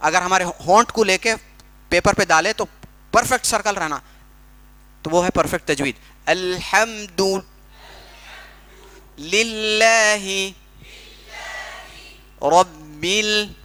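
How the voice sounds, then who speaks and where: With a high voice that sounds pushed and bright, a man teaches Quran recitation in a workshop. He takes a patient approach to pronunciation, comparing sounds to everyday things and demonstrating them slowly and at length.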